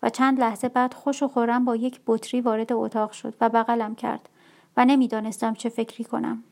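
Brief: female storyteller, somber audiobook narration, measured, a bit high. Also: little pitch movement, creaky, a little mellow.

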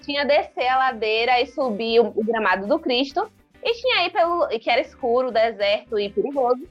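A young adult Brazilian woman telling a story in casual chat, acting out quotes with big jumps in pitch. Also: expressive, fairly quick, muffled recording, soft background music. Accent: Brazilian Portuguese.

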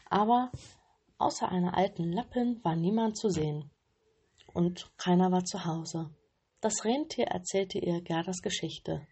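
A woman reading a fairy tale aloud in a calm, even storytelling manner. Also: fairly low pitch, slightly rough.

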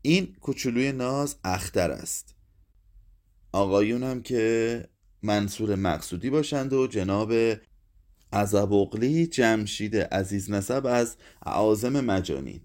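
A man reading aloud, voicing a sharp-tongued male writer who hosts the gathering. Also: lowish voice, natural voice. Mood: courteous.

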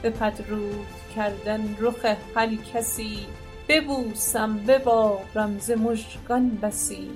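A woman's voice: medium pitch, steady tone, a little mellow, soft background music, close to an everyday voice. A woman voicing an old male warrior chief in a story, speaking solemnly and pleading. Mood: mournful.

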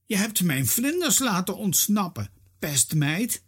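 A storyteller voicing a grumpy, portly neighbour in a read-aloud children's story, with a loud, squeaky, indignant voice. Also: male voice, very animated, takes it slowly, slightly rough, full character voice. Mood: angry. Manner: shouting, indignant.

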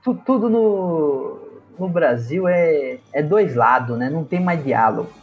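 A man's voice: fairly high pitch, expressive, unhurried. A young Brazilian man hosting a podcast, telling stories in casual, slangy chat with lots of animation. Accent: Brazilian Portuguese. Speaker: podcast host. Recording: dull lo-fi sound with faint music.

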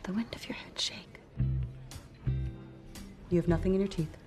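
A woman's voice: fairly low pitch, normal speed, in a whisper, over music, close to an everyday voice. An actress playing a perky woman who teases her friends in a sitcom. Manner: perky, teasing. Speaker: sitcom character. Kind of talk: sitcom acting.

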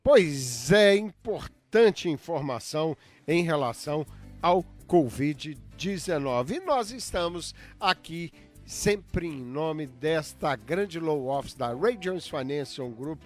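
Slow-talking male radio host. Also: on the high side, lively intonation, soft background music. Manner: chatty, introduces clips. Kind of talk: casual radio talk.

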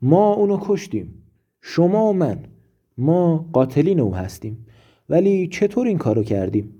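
Guy doing a wild-eyed ranting philosopher, voice pushed up higher, dark and husky. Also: big pitch swings, lo-fi sound, heavily acted. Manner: ranting, declaiming loudly. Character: raving ailing man philosopher, frenzied and grandiose.

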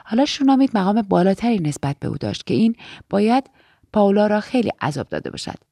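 A woman reading a novel aloud as an audiobook narrator, calm and measured. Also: medium pitch, dry recording, studio quality. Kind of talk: scripted narration.

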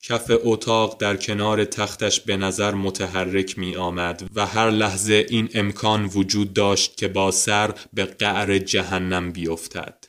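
Low, flat-voiced male storyteller. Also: few pauses. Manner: calm, steady storytelling. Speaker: audiobook narrator. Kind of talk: scripted narration.

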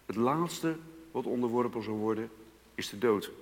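A man preaching a sermon, moving from hushed, slow passages to loud, emphatic outbursts. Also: mid-range voice. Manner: dramatic swings between hushed and loud emphasis. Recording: long reverb of a church hall.

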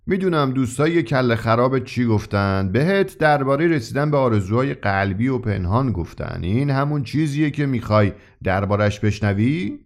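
A man's voice: mid-range voice, animated, hardly any pauses, natural voice. A man voicing a mysterious, grinning old shopkeeper who sells his wonders with eager, confiding persuasion in a read-aloud story. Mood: persuasive. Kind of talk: audiobook character reading.

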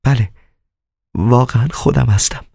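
A man's voice: medium pitch, creaky, dark tone, breathy edge, dry recording, clean studio sound, pitched above the performer's own voice. A man voicing a desperate young woman in love, who stammers and pleads through tears. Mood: tearful pleading. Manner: stammering, pleading, repeating herself.

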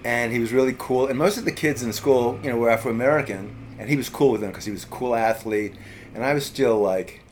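A man's voice: medium pitch, brisk, a little hiss or hum. A middle-aged man telling a childhood story in a casual chat, rambling with lots of fillers and restarts. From US East Coast.

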